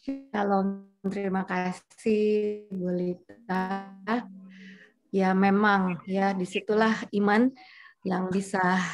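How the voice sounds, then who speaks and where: A woman hosting a church talk, speaking hesitantly with filler sounds. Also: medium pitch. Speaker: host. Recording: soft music behind.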